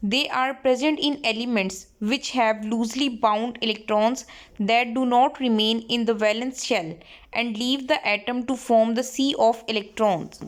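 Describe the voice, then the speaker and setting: Slow, high-voiced woman chemistry tutor. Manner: reads each English line slowly, then explains in Hindi-Urdu. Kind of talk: textbook lesson reading and explaining.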